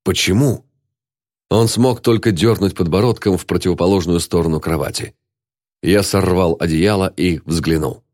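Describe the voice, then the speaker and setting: A man narrating a story in an audiobook in a measured storytelling manner. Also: sits low, darkish tone, dry recording, studio quality.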